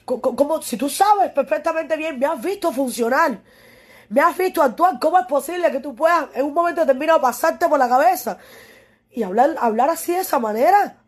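Her voice is high-pitched and brisk with lively intonation: a young musician with a Cuban accent addresses a critic on camera in an emotional monologue. Worn out and tearful, she pleads, swears, and repeats herself with passion.

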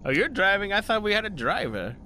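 A man plays a tabletop game in casual, joking chat. His voice is bright and high with animated pitch, and there is faint noise behind him. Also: brisk.

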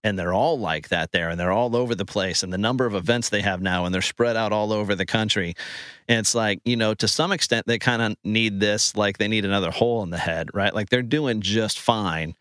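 A man's voice: fairly low pitch, brisk, fairly bright tone, no echo, studio quality. A man hosting a podcast, recorded inside a closet, chatting casually and repeating words as he thinks. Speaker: podcast host.

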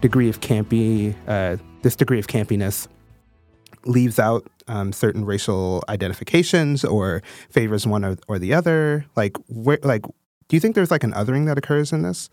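A man hosts a podcast interview in a relaxed, rambling way. His voice sits on the low side. He leans on fillers as he works toward his questions. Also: normal speed, no room sound, faint music behind. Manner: casual, filler-heavy questions. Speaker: podcast host.

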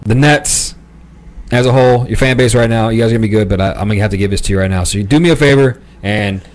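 A man's voice: fairly low pitch, fast. A man co-hosting a sports comedy podcast, rambling in a laid-back way and laughing as he talks. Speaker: podcast co-host.

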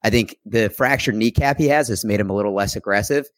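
A man with a lowish voice breaks down baseball numbers in a fast, analytical, earnest manner. He speaks in a casual podcast chat, recorded dry. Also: no room sound. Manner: analytical, stat-heavy, earnest.

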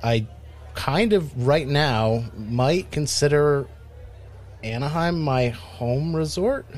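A man's voice: on the high side, expressive, takes it slowly, a little mellow. A man from Rhode Island co-hosting a podcast, chatting casually and rambling with many fillers and restarts. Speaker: podcast co-host. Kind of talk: casual chat.

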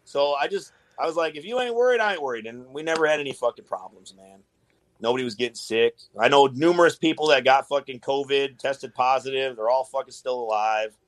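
A man's voice: medium pitch, brisk, no echo. A man in a casual podcast chat, talking in a laid-back, rambling way with lots of swearing. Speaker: guest, tattoo artist.

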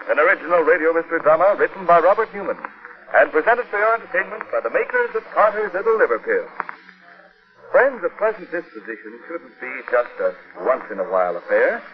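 A man's voice: on the high side, animated, a little fast, soft background music. A man reading sponsor announcements as a polished 1940s radio announcer. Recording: muffled old radio broadcast.

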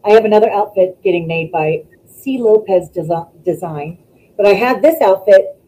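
A woman, a former wrestler, chatting as a guest over a video call, telling stories in an animated way and acting out what people said. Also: mid-range voice, moderate pace, a little hiss or hum, rough recording. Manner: animated storytelling, acts out quotes. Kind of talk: casual interview chat.

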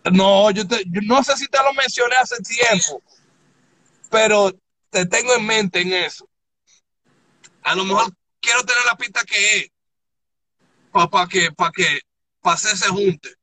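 A man from the New area hosts a loose, animated interview. He slides between Spanish and English street slang. His voice sits high for a man and has a bright, forceful edge. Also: measured pace, pauses often, no room sound. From New York area. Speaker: interviewer, rapper. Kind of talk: casual interview chat.

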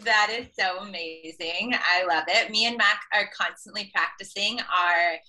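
Super bright bubbly sorority girl type, young woman w valley girl accent, gushy podcast chat. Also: mid-range voice, unhurried, low-quality recording. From Los Angeles, California. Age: young adult. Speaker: podcast guest, ministry leader. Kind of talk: casual chat.

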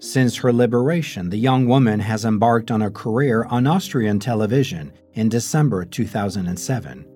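A man narrates a true story in a measured, dramatic way, his voice sitting at an ordinary middle pitch. Faint music plays quietly underneath his scripted telling. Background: faint background music.

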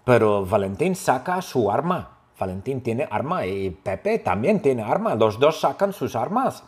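A man telling a simple story for language learners, lively and playful, with his own sound effects. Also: mid-range voice, unhurried. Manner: animated, makes gun sound effects. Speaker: language teacher.

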